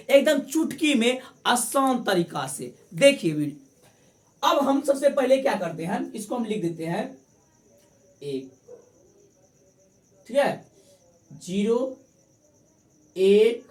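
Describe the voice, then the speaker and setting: A woman's voice: a little high, echoey room. A woman teaching math to viewers she calls friends, repeating each step and asking and answering her own questions. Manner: addresses viewers as friends, coaxing. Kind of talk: classroom-style tutorial to camera.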